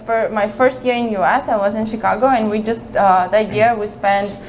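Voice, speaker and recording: A woman's voice: medium pitch, fairly even intonation, normal speed, a little hiss or hum, poor audio. A woman in her thirties from Kazakhstan, answering interview questions casually, with many hesitations and restarts. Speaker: guest.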